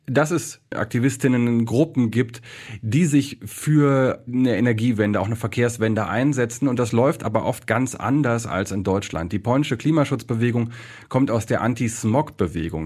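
Man, radio correspondent, husky, analytical. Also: medium pitch, darkish tone. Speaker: foreign correspondent. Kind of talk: radio report.

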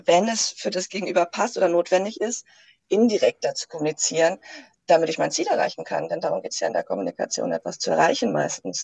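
A woman guest on a radio interview, explaining her field in a calm, measured way. Her voice has a gravelly, fry-laden edge. The sound is dry and close to the mic. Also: fairly low pitch, no room sound. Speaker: guest, psychologist and intercultural communication lecturer.

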